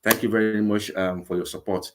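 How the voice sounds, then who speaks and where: A man's voice: fairly low pitch, level tone, fairly quick, noisy background. A man in his forties with a Nigerian English accent, a guest in a live video-call interview, talking earnestly and often repeating words. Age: 40s. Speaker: guest, vegan campaign organizer.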